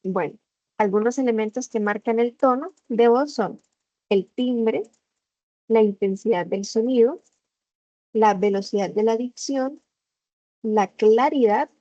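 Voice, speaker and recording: A woman teaching a lesson over a video call, explaining slowly and putting questions to the class. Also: mid-range voice, mellow, no echo. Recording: slightly dull video call audio.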